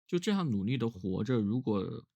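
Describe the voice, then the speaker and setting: A man's voice: on the low side, sing-song, normal speed, creaky, mellow, breathy edge. A man who is ill with a cough, talking casually and reflectively on his own in a weary, musing way, as a solo vlogger.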